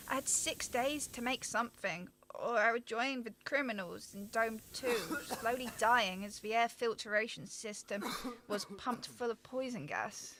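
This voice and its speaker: A woman with a fairly high, somewhat bright voice acts in an amateur radio drama, with a little hiss or hum in the audio. She portrays a younger sister, a scientist consumed by guilt, who blames herself and pleads urgently in anguish.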